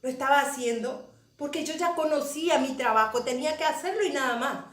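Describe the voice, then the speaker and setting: A woman's voice: high-pitched, fairly quick, a bit bright. A woman pastor giving an emotional testimony sermon, often repeating phrases for emphasis. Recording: echoey room.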